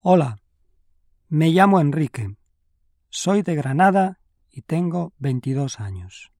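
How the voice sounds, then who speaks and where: A man's voice: fairly high pitch, big pitch swings, darkish tone, no room sound, clean studio sound, exaggerated voice. A man playing a friendly young guy, lightish voice. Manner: slow, clearly spaced delivery. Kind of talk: scripted language-exam dialogue.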